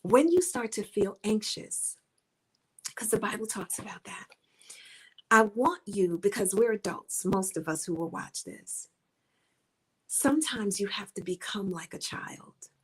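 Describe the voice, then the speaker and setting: A woman's voice: mid-range voice, lively intonation, a little slow, breathy edge, rough recording. A middle-aged woman giving an encouraging, faith-based talk to camera as a speaker and author, repeating her points and dropping to a near-whisper at times. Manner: earnest, repetitive and coaching, drops to a soft near-whisper at times.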